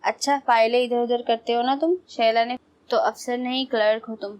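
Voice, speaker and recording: A woman's voice: on the high side, steady tone, a little mellow, lightly acted. A woman narrator voicing a haughty, mocking young woman in an audio novel. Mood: scornful. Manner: scornful.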